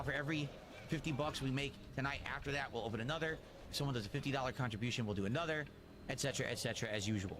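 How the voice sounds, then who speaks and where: A man's voice: a little high, background noise. A man livestreaming a game, chatting and thanking viewers for their support. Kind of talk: live gameplay commentary.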